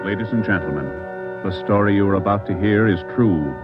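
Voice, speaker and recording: Male announcer for vintage radio: mid-pitched, solemn, authoritative, formal script read, dulled recording over prominent music. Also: brisk. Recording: dull old 1940s radio recording, music.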